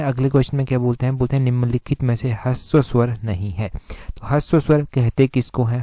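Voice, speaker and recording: A man's voice: mid-range voice, dark tone, dry recording. A man teaching a recorded exam-prep lesson, explaining step by step and repeating answers with lots of filler phrases.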